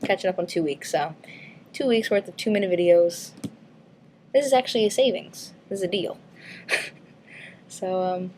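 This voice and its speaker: A woman vlogger talks through her week in a loose, rambling way. She is frank and casual, with plenty of ums and likes and the odd swear word. Her voice sits a little on the low side. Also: normal speed, long pauses, darkish tone, slight background noise. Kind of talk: casual weight-loss update vlog.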